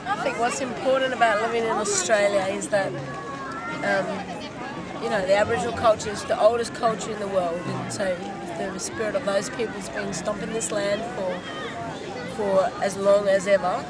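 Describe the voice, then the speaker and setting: A woman's voice: medium pitch, fairly even intonation, normal speed. A middle-aged woman answering interview questions at an outdoor festival, earnest and reflective, searching for words. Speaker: festival goer. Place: outdoor festival grounds near tents, sunny. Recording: loud crowd and noise outdoors.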